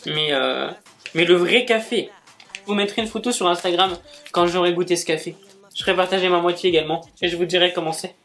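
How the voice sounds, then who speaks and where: A man's voice: high-pitched, a little fast, fairly bright tone. Gushing man unboxing on a vlog. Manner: gushing, exclamatory, chatty with fillers. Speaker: book and manga YouTuber. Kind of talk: casual unboxing chat.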